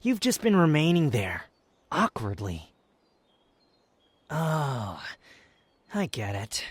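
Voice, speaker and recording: A man playing an aloof, proud, sardonic young wanderer in an intimate roleplay audio drama, speaking in haughty, formal, halting phrases. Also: a little high, huge pitch swings, slightly rough, no echo, full character voice. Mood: impatient, uneasy. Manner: haughty, formal wording, halting, sighs and scoffs.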